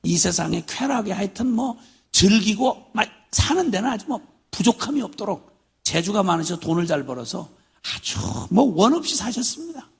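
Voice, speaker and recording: A man's voice: sits high, sing-song, normal speed, creaky, slightly rough. An older man preaching a sermon as a missionary, telling stories with humor and acting out voices. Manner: storytelling with humor, acting out his father's drunken shouts.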